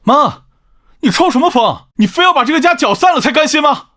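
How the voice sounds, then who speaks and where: A man's voice: extremely high pitch, expressive, a little fast, sharp tone, heavily acted. An actor playing a spineless, self-serving young husband who sides with his wife, urgent and whiny, in a melodramatic short drama. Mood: angry demanding.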